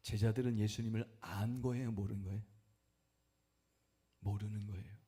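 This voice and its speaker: A male pastor preaching a sermon to his church, often asking the congregation questions and answering them himself, and rising to loud, high-pitched exhortation. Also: steady tone, moderate pace, breathy edge. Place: church sanctuary.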